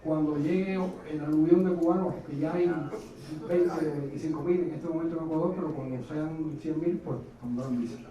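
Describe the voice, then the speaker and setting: A man answering audience questions at a public talk, thoughtful and halting, often restarting his phrases, heard from a distance in a conference hall. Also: fairly high pitch, fairly even intonation, highs cut off, a crowd in the background. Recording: very echoey hall, distant mic.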